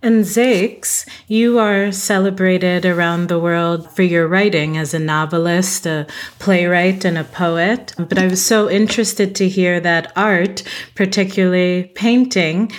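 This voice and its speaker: Woman host, low voice, measured scripted delivery, arts podcast interviewer. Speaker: guest host, gallery director.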